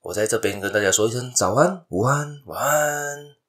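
A man's voice: mid-range voice, expressive, moderate pace, fairly bright tone. A man hosting a casual storytelling podcast, chatty and conversational. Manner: chatty, conversational, restarts often.

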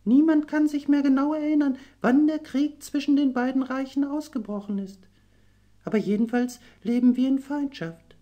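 Storybook mermaid princess, tearful and gentle, very high but mellow voice, slow soft phrasing. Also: male voice, fairly even intonation, highs cut off. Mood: sorrowful. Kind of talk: audiobook character voice.

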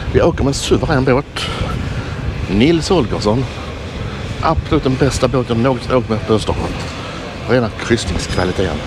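A man's voice: medium pitch, noisy background. A middle-aged man vlogging his road trip, chatting enthusiastically to a handheld action camera as he walks outdoors and through a roadside rest stop. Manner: chatty, enthusiastic tour-guide commentary. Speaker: travel vlogger. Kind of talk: casual travel vlog narration. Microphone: action camera held at arm's length.

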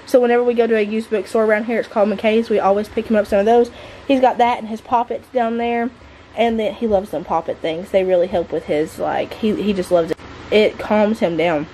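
A stay-at-home mom vlogger gives a casual clean-with-me tour of her son's small red bedroom in a mobile home, chatty and rambling with fillers and restarts. Her fairly high voice is a little mellow, and the handheld camera held at arm's length picks up a little hiss or hum.

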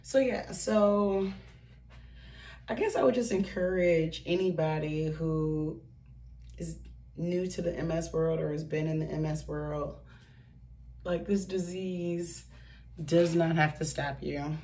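A young woman talking earnestly in a casual get-ready-with-me vlog, with many pauses and fillers. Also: on the low side, fairly even intonation, warm tone, slight background noise. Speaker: vlogger.

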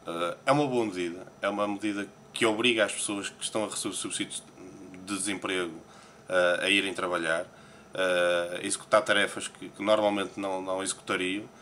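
The interviewee is a poker player from Portugal with a European Portuguese accent, chatting casually one morning in Las Vegas about newspaper headlines and hesitating frequently. His deep voice is bright and forceful, with a steady tone and a fairly quick pace, and a little hiss or hum can be heard.

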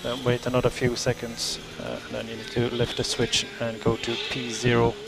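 Give me a flat, gravelly race engineer on noisy race car team radio. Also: male voice, medium pitch, moderate pace. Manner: steady, instructive, flat delivery. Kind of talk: calm radio briefing.

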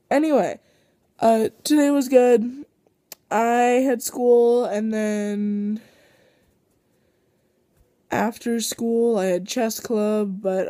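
A sick teenage girl talks through her day in a slow, rambling way, full of ums and restarts. Her voice is mellow and a little stuffy from congestion. The sound is dry and close, with no room echo. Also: mid-range voice. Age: teens. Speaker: vlogger. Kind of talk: casual daily vlog.

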